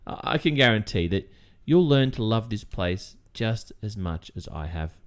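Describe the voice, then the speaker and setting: In an intimate ASMR roleplay monologue to the listener, an Australian man plays a sweetly possessive, delusional kidnapper boyfriend. His lowish, sing-song voice sounds sheepish as he draws out halting phrases full of hesitant murmurs and nervous chuckles.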